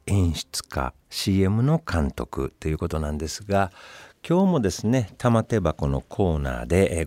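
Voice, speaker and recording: A low-pitched man speaks on a studio microphone with no room sound. A radio host and commercial director, he presents a radio column about his work in a casual, animated way, imitating the voices of directors and other people.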